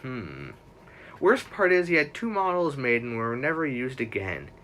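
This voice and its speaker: Bright-voiced young man chatting on stream. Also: medium pitch, sing-song, unhurried. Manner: rambling, self-correcting, chatty fan talk. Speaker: livestream host. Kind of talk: casual livestream chat.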